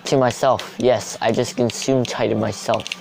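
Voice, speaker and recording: A young man giving casual, sarcastic commentary over his gameplay, with sudden excited outbursts. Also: medium pitch, moderate pace, gravelly, faint music behind. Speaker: gaming video host.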